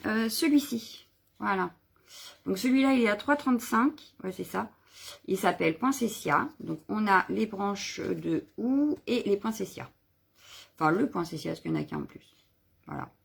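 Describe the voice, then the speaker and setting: A woman hosts a relaxed live craft session, talking through stamps and stencils in a loose, chatty way. Her voice is husky with a gravelly edge, and she often corrects herself mid-sentence. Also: mid-range voice. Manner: chatty, rambling, many fillers and self-corrections. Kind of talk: casual live craft show-and-tell.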